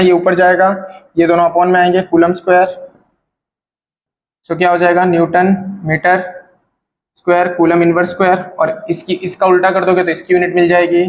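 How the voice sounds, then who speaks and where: A man's voice: high-pitched, reverberant, slight background noise, low-quality recording. A man teaching a physics lecture, explaining step by step and often checking whether his students are following. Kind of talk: classroom lecture.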